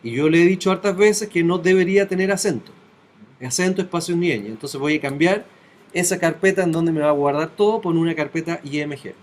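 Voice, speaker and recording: A man, teaching in a classroom. He takes the software one step at a time and often stops to ask whether his students are following. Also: fairly high pitch, fairly quick. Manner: talks step by step, checking in with students. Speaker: web design teacher.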